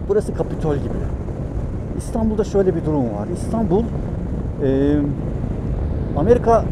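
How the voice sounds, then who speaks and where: Man chatting inside a motorcycle helmet, higher-pitched voice. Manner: rambling, conversational, addresses viewers directly. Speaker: motovlogger. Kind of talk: casual vlog chat while riding a motorcycle. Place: outdoors on a motorcycle in city traffic, inside a helmet. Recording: loud traffic and engine noise.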